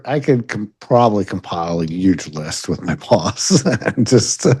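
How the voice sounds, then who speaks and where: A middle-aged man with a Long Island New York accent chats casually as a podcast co-host. His voice sits fairly low, and he rambles, stumbles over repeated words and laughs as he goes. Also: expressive, measured pace, darkish tone, slightly rough. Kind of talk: casual chat.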